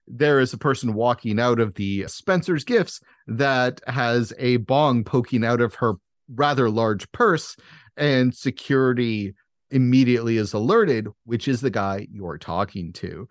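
A man narrating a tabletop game as game master, setting scenes in a dramatic, deliberate way. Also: mid-range voice, expressive, no room sound, clean studio sound.

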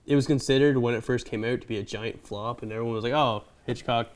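A man's voice: mid-range voice, fairly even intonation, fast talker. A young man co-hosting a casual movie podcast, rambling and joking and acting out lines he quotes. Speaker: podcast co-host.

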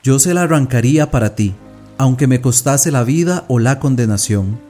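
An impassioned young man torn between love and faith, as a reader acts him out. His voice is dark and mellow at a middling pitch, and his lines come out in anguished outbursts in this storybook reading. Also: expressive, normal speed, faint music behind, lightly acted. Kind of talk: audiobook reading of a classic tale.

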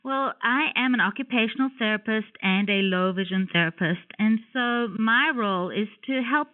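A woman's voice: on the high side, no room sound. A woman with a South African accent, a guest occupational therapist, explaining her work carefully on a phone-in call. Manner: careful and measured, with some fillers. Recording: tinny phone line, dry.

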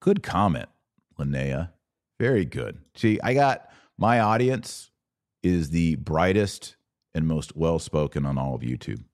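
This podcast host and commentator has a low-pitched, somewhat mellow voice and an animated delivery. He talks to his audience in a conversational, instructive and emphatic way, using deliberate pauses for effect.

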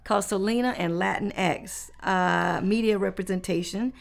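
A podcast host with a medium-pitched, gravelly, creaky voice reads out facts in an easygoing, conversational way. The chat is relaxed and casual, at a moderate pace.

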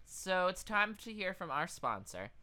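A man with a high, very animated, sharp-toned voice co-hosts a comedy podcast at an unhurried pace. He trades informal, joking patter in casual comedic banter, including a mock ad read.

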